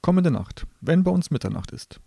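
A bold, determined young girl, as a male reader puts her on speaks firmly and matter-of-factly with a somewhat raised pitch. The reading is dry and close, a storybook voice with lively rises. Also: moderate pace, gravelly, breathy edge, dry recording, heavily acted. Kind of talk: audiobook reading.

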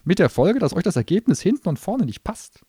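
A man voicing a sarcastic, hot-tempered little male gnome demon who grants wishes, shrill and mocking, in an audiobook reading. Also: big pitch swings, brisk, mellow, breathy edge, dry recording, studio quality, exaggerated voice. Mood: pedantic.

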